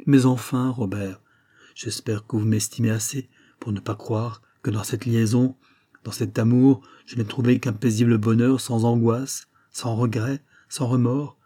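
A man's voice: mid-range voice, steady tone, measured pace, warm tone, no room sound, studio quality, lightly acted. A man reading as an anguished married lover. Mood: anguished pleading. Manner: impassioned, pleading, tremulous. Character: guilt-torn married woman, anguished older lover.

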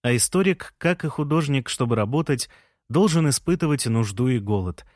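A man reading a story aloud in a calm, first-person narration. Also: mid-range voice, moderate pace, no room sound, clean studio sound. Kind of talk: audiobook narration.

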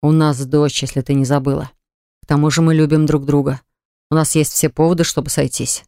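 A man's voice: fairly high pitch, flat delivery, brisk, mellow, no room sound, studio quality, lightly acted. A man voicing a jealous young ex-fiancé who pleads earnestly to win her back, in an audiobook. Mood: pleading. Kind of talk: audiobook dialogue reading.

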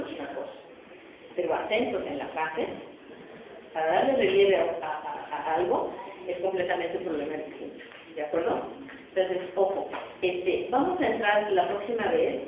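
A woman professor lectures at an even middle pitch. She keeps checking that her students follow. The room is very echoey, she is heard from a distance, and the sound is muffled. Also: a little hiss or hum. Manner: explanatory, often checks in with "¿no?". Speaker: phonetics professor. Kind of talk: university lecture. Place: large echoey classroom. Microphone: distant recorder.

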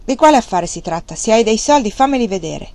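A woman reading an audiobook and voicing a sharp-tongued, scolding servant woman with a shrill voice. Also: normal speed, lightly acted. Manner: harsh and scolding.

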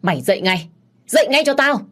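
A furious middle-aged father, voiced by a woman narrator, barks harsh commands at his daughter in an audiobook story. The voice sits fairly low and cuts hard. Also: expressive, brisk.

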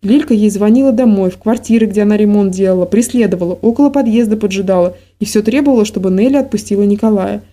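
A woman narrates a first-person story in a calm, even manner. Her voice is very dark and mellow. Her pitch sits at an ordinary middle level. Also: fast, few pauses. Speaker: story reader.

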